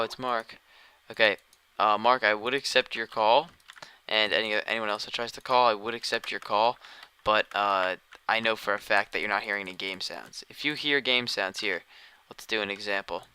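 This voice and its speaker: A man's voice: fairly low pitch, steady tone, a little fast, bright, forceful tone, clean tone. Tired man rambling through a game stream. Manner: rambling, thinking aloud while playing. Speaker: gaming streamer. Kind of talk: casual live-stream commentary.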